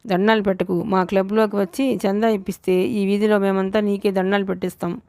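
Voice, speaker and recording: A woman's voice: mid-range voice, level tone, a little mellow, dry recording, close to an everyday voice. Woman reading as a pushy meddling neighbor woman. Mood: taunting. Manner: taunting, bossy, slow insistent delivery.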